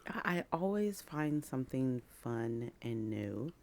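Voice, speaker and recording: A woman's voice: rumbling low, sing-song, slow pace, darkish tone. A woman co-hosting a casual podcast, a teacher who is playful and laughs easily. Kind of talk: casual chat.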